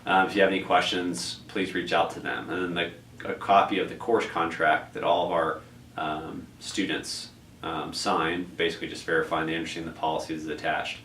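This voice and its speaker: A man with a deep, slightly bright voice speaks at a moderate pace with little pitch movement, explaining how a tutoring program he coordinates works. He rambles, using many fillers and restarts. A distant mic in an echoey room catches him, along with faint noise.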